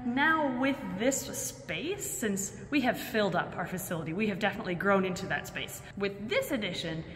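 Touring an empty warehouse and bare rooms, this young adult woman projects excitedly on camera in a casual, animated vlog. She speaks at medium pitch and normal speed, with faint music behind her. A nearby camera mic picks up the echo and noise of the vacant building.

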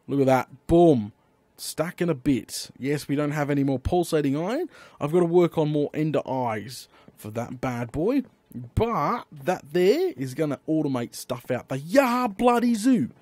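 A man giving chatty, excitable Let's Play commentary, talking to himself as he builds and bursting into eager exclamations. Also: a little high, unhurried, dry recording. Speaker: gaming YouTuber.

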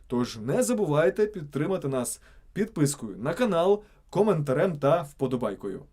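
A man's voice: fairly high pitch, big pitch swings, normal speed, darkish tone, breathy edge. A man reading scripted narration for a video channel, stressing each example word on its own.

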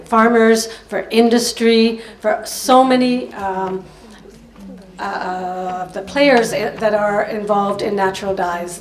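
An older woman moderating a panel on stage, speaking informally into a handheld mic and restarting her sentences as she wraps up. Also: mid-range voice. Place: stage of a large auditorium. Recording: echoey hall, heard from a distance.

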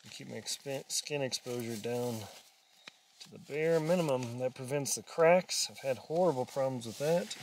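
A middle-aged man who vlogs solo winter camping talks through folksy, casual instructions while busy with his gear, recorded on a camera in a small tent. He speaks at a moderate pace in a mid-range voice, and the poor audio has a little hiss or hum.

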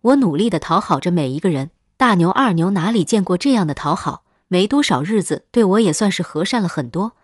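A woman reading a dark first-person story aloud in a steady, scripted narration. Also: lowish voice, a little fast, hardly any pauses, husky, no room sound, studio quality.

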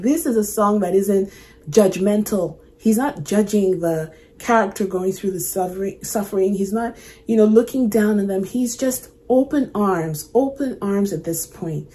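A woman hosting a music reaction video, talking in an earnest, reflective way with halting restarts, emotional and choked up. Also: mid-range voice, mellow. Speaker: music reaction channel host. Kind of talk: casual reaction commentary.

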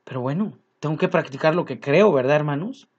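A man's voice: a little high, a little fast, muffled recording. A man preaching a sermon, earnest and repeating his key phrases as he speaks to his congregation as brothers.

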